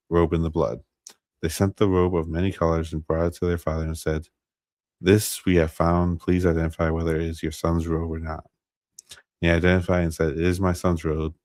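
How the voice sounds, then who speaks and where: A man's voice: low voice, darkish tone, no room sound. An American man teaching on a Bible story on a stream, reading scripture aloud with many fillers and restarts and stopping over hard names. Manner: halting, many fillers and restarts, unsure of pronunciations.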